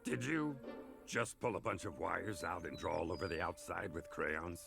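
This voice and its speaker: A man playing a gruff but kindhearted big creature detective in a game story, gravelly, awkward and hesitant. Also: deep voice, normal speed, music in the background. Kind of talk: game voice acting.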